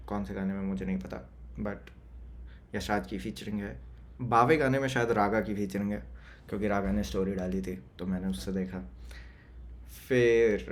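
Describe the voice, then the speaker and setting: Low-voiced man reacting to music. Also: a little hiss or hum. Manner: thinking aloud, loose and excitable. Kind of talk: casual reaction commentary.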